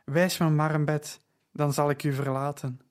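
A man's voice: on the high side, little pitch movement, moderate pace, close to an everyday voice. A man voicing a drunk, pompous male stage actor who slurs his words and speaks in grand, formal phrases. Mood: tipsy, grandiose.

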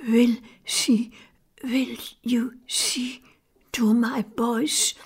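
A woman's voice: a little high, slow pace, darkish tone. A woman voicing a feverish, dying male priest who speaks faintly and short of breath. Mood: weak, faint.

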